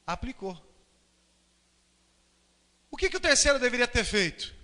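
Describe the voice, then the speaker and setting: A high-pitched, bright-voiced Brazilian man preaching from the pulpit. He swings his voice widely, acting out little scenes and quotes. A long church reverb trails after his words. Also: a little slow. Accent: Brazilian Portuguese. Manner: animated, acts out quotes and voices. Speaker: pastor. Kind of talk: sermon. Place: church hall.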